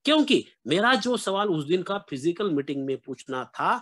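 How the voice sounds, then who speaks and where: A man's voice: high-pitched, sing-song, normal speed, fairly bright tone. A middle-aged man from Maharashtra, earnestly sharing his recovery story with a meeting. He keeps calling his listeners friends and mixes in English words. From Maharashtra, India.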